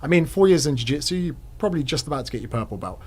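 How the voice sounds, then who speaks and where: A man's voice: on the high side, expressive, rapid-fire, darkish tone, slightly rough. A man chatting on a podcast, joking and telling a story. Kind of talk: casual podcast talk.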